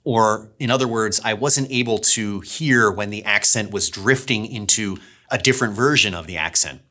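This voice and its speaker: A man hosts a behind-the-scenes series, casually explaining his work as an audio drama director. His voice is on the low side, pushed and bright, at a moderate pace.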